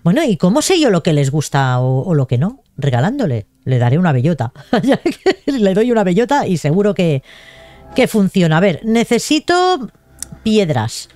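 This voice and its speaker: A woman's voice: on the low side, big pitch swings, moderate pace, a little mellow, soft background music. A young woman giving casual, chatty gameplay commentary and talking to herself as she plays. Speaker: gaming video host.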